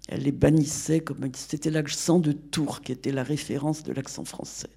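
Male panelist, slightly higher voice, mellow, opinionated. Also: fairly even intonation, moderate pace, gravelly, slightly rough. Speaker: panel guest. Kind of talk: panel discussion.

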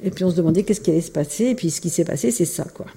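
A woman's voice: lowish voice, very fast, warm tone, a little hiss or hum. A woman giving an informal illustrated talk about family archives, speaking hesitantly with many fillers and restarts. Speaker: lecturer presenting family archives. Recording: long hall reverb.

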